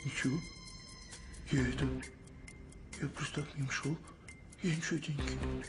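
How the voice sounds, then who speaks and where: An actor playing a jumpy, hapless man in a comedy film, plaintive and excitable. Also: medium pitch, moderate pace, creaky, natural voice. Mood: nervous, evasive. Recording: film dialogue over loud music.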